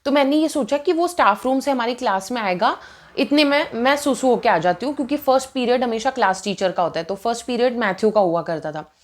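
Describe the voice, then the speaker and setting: A young woman in her twenties, sitting down to tell a personal story in a loose, chatty way. Her voice sits a little high, and she jumps between Hindi and English mid-sentence, sounding lively and indignant as she goes. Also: quick pace. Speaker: vlogger telling a personal story. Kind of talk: casual storytime narration.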